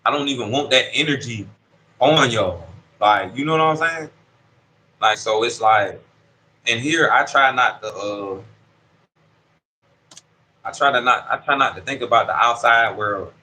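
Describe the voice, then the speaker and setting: This is a medium-pitched, sharp-toned voice that moves a little slowly with long pauses, captured on poor audio with slight background noise. The speaker is an incarcerated man in his thirties in a prison dorm, spinning a laid-back story in street slang and checking in often with "you see what I'm saying."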